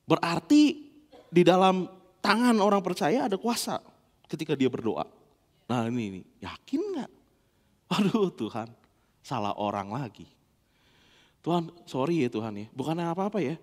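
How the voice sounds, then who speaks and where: Pastor, high and very animated, playful sermon delivery, long church hall reverb. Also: male voice, normal speed, pauses often. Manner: animated, playful, acts out dialogue. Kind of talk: lively sermon with humorous anecdotes.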